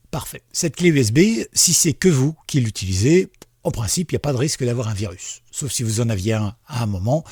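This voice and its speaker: A man walks viewers through a computer tutorial in a relaxed, chatty way, padding his explanations with fillers and friendly asides. His voice is mid-pitched and somewhat husky. The recording is dry and close, with no room echo. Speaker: tech tutorial host. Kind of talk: casual screen-share tutorial.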